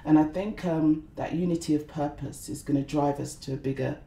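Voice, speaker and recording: A middle-aged Londoner speaks earnestly as an interview guest, often saying "you know," her low voice brisk, gravelly and mellow. She is a blogger and conference organiser giving reflective interview talk, recorded with reverb and a little hiss or hum.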